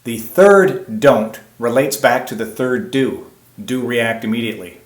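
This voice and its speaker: A man's voice: medium pitch, unhurried. Emphatic male self-defense instructor, echoey room. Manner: emphatic, asks and answers his own questions. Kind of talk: instructional presentation.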